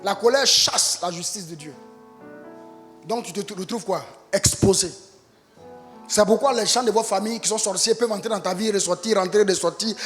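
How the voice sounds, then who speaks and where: A man preaching a sermon as pastor, impassioned and often rising to shouts. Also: high-pitched, long reverb tail. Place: church.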